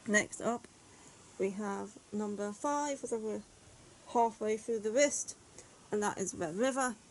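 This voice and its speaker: Casual reviewer, woman, chatty and rambling, mid-pitched, faint hiss behind. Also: slow pace, low-quality recording. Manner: chatty, rambling, frequent "like" and "yeah". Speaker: manga reviewer.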